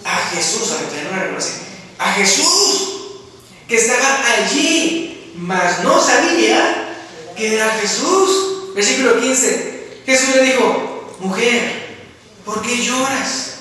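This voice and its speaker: A man's voice: very high voice, very animated, slow pace, sharp tone, far from the mic. A man preaching a sermon in a church, reading scripture and asking his congregation questions in a conversational way. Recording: echoey church hall, mic from afar.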